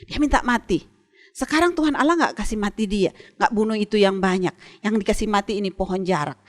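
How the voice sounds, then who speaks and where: A woman's voice: mid-range voice, fairly quick. A woman Sunday school teacher retelling a bible story for children and asking them questions. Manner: lively, asks children questions.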